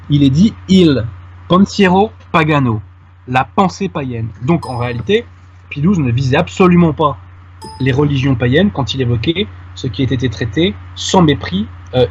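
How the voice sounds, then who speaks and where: On a radio-style show, a man appears as a guest commentator, building a detailed argument in conversation and speaking to the host on familiar terms. His pitch is medium, the recording's highs are cut off, and there is slight background noise.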